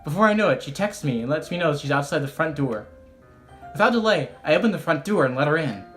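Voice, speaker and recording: A young woman hosting a let's play, reading a game aloud with friends in an animated, joking way. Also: sits low, fast talker, soft background music.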